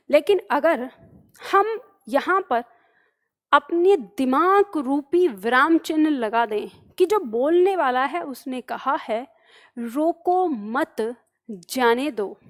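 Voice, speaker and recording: A high-voiced woman teaches an exam-prep grammar lesson, addressing her students as "बालक". She asks questions and checks their understanding, explaining through worked examples and repeating key phrases.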